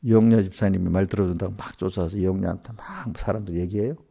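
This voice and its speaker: A man's voice: deep voice, quick pace, creaky, mellow. A man, a pastor, preaching informally to congregants and scolding them with one rhetorical question after another. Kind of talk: small-group sermon addressing congregants directly.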